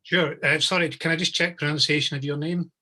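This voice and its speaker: Man with a bright, husky voice. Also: on the high side, steady tone, fairly quick. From Glasgow, Scotland. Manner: polite and thoughtful, building up his question at length. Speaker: meetup attendee asking a question.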